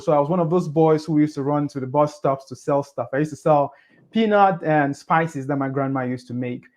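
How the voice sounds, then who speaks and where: A man from Cameroon, appearing as a podcast guest, tells his life story in a casual, animated way. His voice is a little high and rises on the points he stresses.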